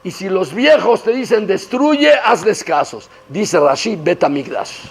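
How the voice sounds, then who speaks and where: A man's voice: sits high, expressive, measured pace, creaky, breathy edge. A man, a rabbi, giving a Torah lecture in Spanish, sprinkling in Hebrew terms and acting out little dialogues for his students. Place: classroom talk to female students.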